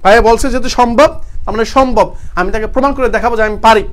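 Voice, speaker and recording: A young man leads an online live class for university admission. His voice sits very high for a man, and he keeps quizzing students with short repeated questions before giving the answers himself. He closes points with encouragement to keep trying. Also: fast. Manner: encouraging, motivational. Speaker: university admission coaching teacher.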